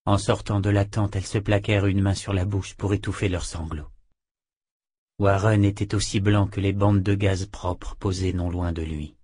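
A man reading a novel aloud in a measured, even way. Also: low-pitched, slightly rough, no echo. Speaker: audiobook narrator. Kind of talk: scripted narration.

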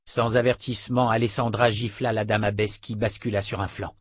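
A man narrating an audiobook in a steady, even storytelling manner. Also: lowish voice, fairly quick, husky, dry recording, studio quality. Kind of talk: scripted narration.

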